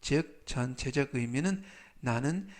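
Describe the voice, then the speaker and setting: A man teaching English vocabulary in a scripted lesson, explaining each word slowly and drawing out the English words for pronunciation. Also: mid-range voice, expressive.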